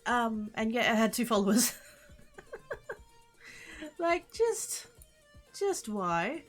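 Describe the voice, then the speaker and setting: A woman's voice: a little high, very animated, slow, faint music behind. A woman livestreamer chatting casually and playfully with her viewers, rambling and easily sidetracked. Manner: playful, informal greetings to chat.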